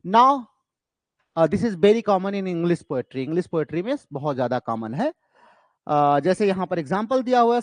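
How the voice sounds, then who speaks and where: A man teaching literature in a lecture style, explaining terms step by step and repeating key points, slowing down for definitions. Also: high-pitched, no echo.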